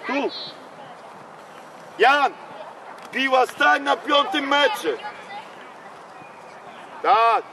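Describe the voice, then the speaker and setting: A man's voice: extremely high pitch, lively intonation, slow, long pauses. Man barking orders from the touchline. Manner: loud, urgent, barking short commands and names. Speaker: youth football coach. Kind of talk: shouted touchline coaching. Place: outdoor football pitch. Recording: noisy outdoor crowd recording. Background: crowd and street noise.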